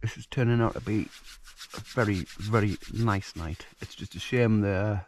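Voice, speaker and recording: A man's voice: fairly low pitch, moderate pace. Casual male outdoor vlogger, jokey and rambling, recorded outdoors at night with faint background noise. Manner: chatty, joking, rambling asides. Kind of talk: casual outdoor cooking vlog. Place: wild camp in hills at night, outdoors.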